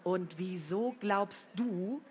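A woman reading a storybook, voicing a calm, sensible schoolgirl who speaks in a slow, measured way. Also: medium pitch, slight background noise.

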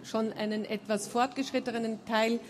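Woman reading her own novel, calm and steady, a little high, soft room noise. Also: moderate pace. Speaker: author.

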